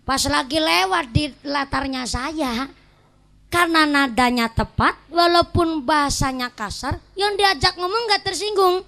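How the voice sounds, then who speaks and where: A woman's voice: high-pitched, measured pace, gravelly, sharp tone. A woman preacher with a Banyumas Javanese accent gives a humorous sermon, telling jokey stories and mixing regional dialect words into her Indonesian. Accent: Banyumas Javanese (Ngapak). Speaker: Islamic preacher.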